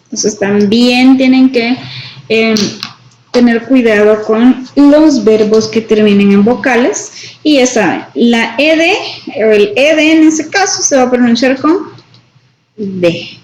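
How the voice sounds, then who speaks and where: Slow-paced woman teacher explaining patiently. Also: a little high, darkish tone, a little hiss or hum. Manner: slow, explanatory, checks in with "right?" and "¿verdad?". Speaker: English teacher. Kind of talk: classroom lesson, mixing Spanish and English. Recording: echoey room, dull lo-fi sound.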